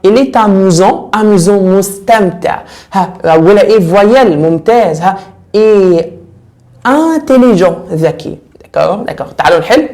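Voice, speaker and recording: A young man with an Egyptian Arabic accent teaching French grammar in a casual, lively way. He keeps repeating words and putting questions to his students. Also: high-pitched, moderate pace. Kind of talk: casual classroom lesson.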